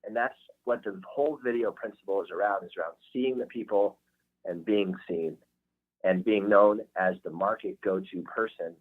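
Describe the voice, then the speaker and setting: A man's voice: on the low side, normal speed. Man on a tinny phone line. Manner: earnest, heartfelt storytelling. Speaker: realtor guest. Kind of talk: storytelling podcast interview.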